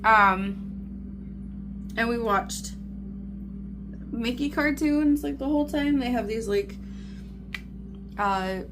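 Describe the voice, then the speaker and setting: A craft vlogger in her thirties catches up with viewers, telling a meandering story packed with "like" and "you know." Her voice is a little high and slow, with long pauses, and a noisy background sits behind it.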